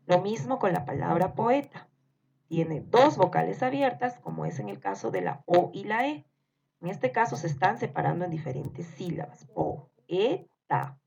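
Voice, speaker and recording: A woman teaching a grammar lesson, speaking slowly and deliberately and spelling out syllables one by one. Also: lowish voice, vocal fry, a little mellow, husky. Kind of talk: scripted grammar lesson narration. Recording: dull lo-fi recording.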